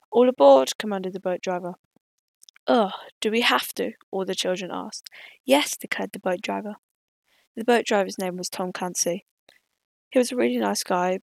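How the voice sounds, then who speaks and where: Woman storyteller reading her tale plainly, creaky tone, dry close sound. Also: mid-range voice, no room sound. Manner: plain reading with slips and restarts. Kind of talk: reading an original story aloud.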